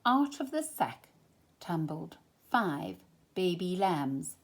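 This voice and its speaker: Reading aloud from a children's storybook, a female storyteller speaks slowly at a fairly low pitch, stretching out important words with expressive emphasis.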